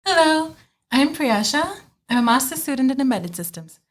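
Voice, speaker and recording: A young woman from India, a student co-hosting a podcast, speaking in a measured way from prepared remarks. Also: sits high, very animated. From West Bengal, India. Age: young adult. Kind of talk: scripted podcast talk.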